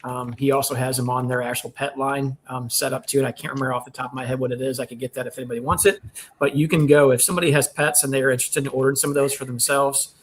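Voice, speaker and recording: Relaxed man chiming in on a livestream. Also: mid-range voice, racing, slight background noise. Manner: relaxed, chimes in with side comments. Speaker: co-host. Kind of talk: casual livestream chat.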